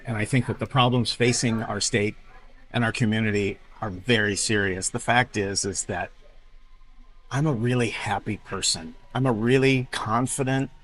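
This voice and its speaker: A middle-aged man from Iowa, a drag performer speaking openly and earnestly in an interview, sometimes halting and restarting. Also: fairly low pitch, a bit bright. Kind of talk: candid interview talk.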